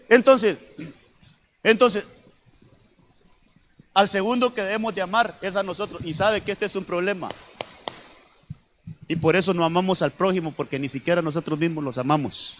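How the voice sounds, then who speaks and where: A man preaching a sermon as pastor, often repeating himself and calling the listeners brother. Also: high voice. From Honduras. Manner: repetitive, addresses congregation as brother.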